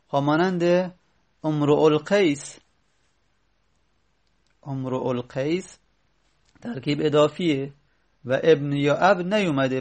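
A man teaching a grammar lesson, patient and explanatory. He repeats each step, stops to think aloud with fillers and slows down on the key examples. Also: fairly high pitch.

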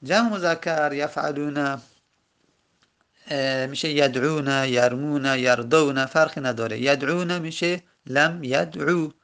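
A man teaching a grammar lesson, slowly drawing out example words and stopping to correct his own slips. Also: a little high, fairly bright tone. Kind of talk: explaining lesson.

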